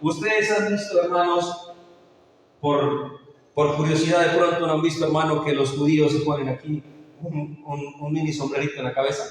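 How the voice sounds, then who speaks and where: A man's voice: on the high side, fairly even intonation, moderate pace. A man preaching a sermon as pastor, calling his listeners brother and asking them questions. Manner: addresses listeners as brother, asks rhetorical questions. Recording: echoey hall, voice from far off.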